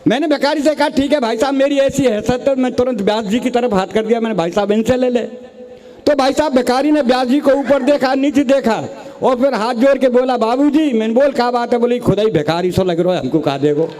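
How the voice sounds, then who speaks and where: A man performs a comic poem on stage, telling his story through quoted dialogue. His voice sits high and sounds mellow and warm. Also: fairly even intonation, a little fast. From Rajasthan. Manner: storytelling with quoted dialogue, addresses audience as bhai sahab. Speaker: comic poet. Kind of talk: humorous poem recital on stage.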